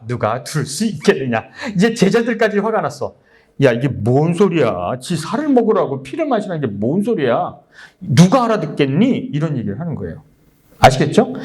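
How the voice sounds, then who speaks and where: A man's voice: on the high side, a little mellow. A male pastor giving a conversational sermon, asking the congregation many rhetorical questions and acting out blunt crowd voices. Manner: acts out crowd voices in blunt, coarse speech. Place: church service.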